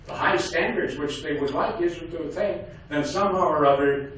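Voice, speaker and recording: Older man, halting speech, many fillers, slightly high voice, echoey hall, distant mic. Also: fairly bright tone, slight background noise. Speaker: guest speaker. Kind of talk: speech to a community audience.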